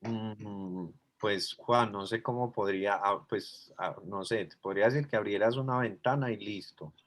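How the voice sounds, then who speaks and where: A man's voice: lowish voice, measured pace, fairly bright tone. A man teaching an online class, explaining patiently and thinking aloud as he goes.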